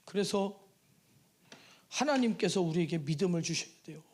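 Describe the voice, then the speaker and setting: In a church sanctuary, a pastor preaches a Wednesday evening sermon in a very high voice that leaps up and down. He poses rhetorical questions, shouts for emphasis and acts out pleading prayers in a sing-song tone, all expressive and at a moderate pace.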